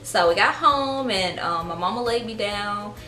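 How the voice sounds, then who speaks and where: A woman's voice: medium pitch, animated, unhurried, sharp tone, echoey room, faint music behind. A young adult woman casually telling a personal story to her viewers, full of "like" and "um". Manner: chatty, lots of fillers like "like" and "um". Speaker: vlogger.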